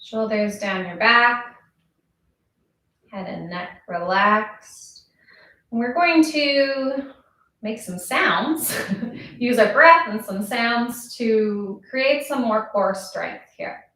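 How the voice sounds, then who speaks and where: A woman instructor leading a yoga class, talking calmly and slowly with a gently playful touch. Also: fairly high pitch, slight background noise. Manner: calm, slow, gently playful. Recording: very echoey room, voice from far off.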